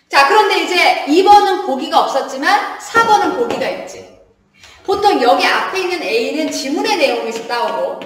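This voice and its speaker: A woman's voice: high-pitched, a bit bright, slight background noise. A woman teaching a literature class in a chatty lecturing manner, laughing often and checking that her students follow. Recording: echoey hall, distant mic.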